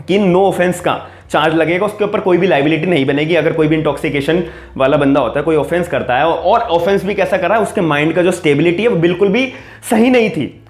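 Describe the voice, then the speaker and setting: A man teaching a law lesson in a conversational way, often restating his points and mixing in legal terms. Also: sits high. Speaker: law tutor. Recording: echoey room with faint music.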